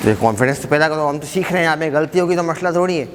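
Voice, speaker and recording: A man teaching an Arabic class, briskly quizzing students and encouraging them not to be shy. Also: fairly high pitch. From Pakistan. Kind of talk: classroom quiz lesson. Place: mosque hall. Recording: echoey hall with background noise.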